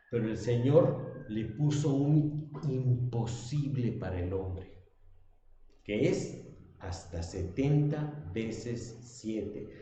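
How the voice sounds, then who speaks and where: In a church classroom, a man with a mellow, medium-pitched voice reads scripture aloud and quizzes the class during a Sunday school Bible lesson. A slight hiss or hum sits under the echoey, dull room sound.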